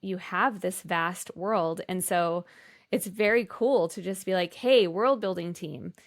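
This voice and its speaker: A woman co-hosts a podcast in casual conversational discussion, sounding enthusiastic and effusive. Her pitch is fairly low and her pace unhurried.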